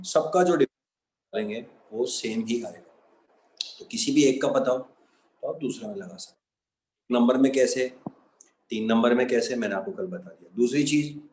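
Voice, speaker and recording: A man's voice: mid-range voice, darkish tone, echoey room, low-quality recording. A man who teaches maths, explaining each step of a lesson and going over the key points again. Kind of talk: classroom lecture.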